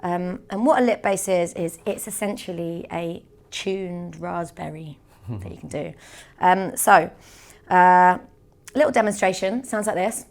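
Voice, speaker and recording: A woman's voice: on the low side, unhurried, a little mellow. A young woman teaching a beatboxing technique, explaining step by step in a patient tutorial manner. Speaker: beatbox instructor.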